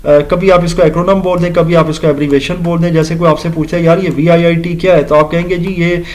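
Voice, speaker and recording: A man's voice: a little high, little pitch movement, fast talker, darkish tone. Middle-aged male teacher, slightly raised voice, polite, patient, mixing English terms into a lecture. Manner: explains step by step, mixing English terms into Urdu-Hindi speech; addresses listeners politely with "janab" and "ji". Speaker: grammar teacher. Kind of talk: classroom lecture.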